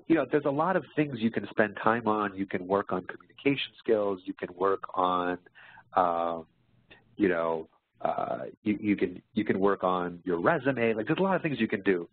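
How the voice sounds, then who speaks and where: Over a muffled, phone-like connection in a room with echo, a man speaks at a fairly low pitch with a husky quality. He presents as a career coach fielding webinar questions, explaining things and frequently checking in along the way.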